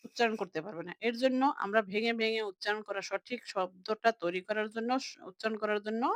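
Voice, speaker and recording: A young woman teaching a lesson, slowly explaining and repeating words as she breaks them into parts. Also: mid-range voice, fairly even intonation, dry recording, rough recording.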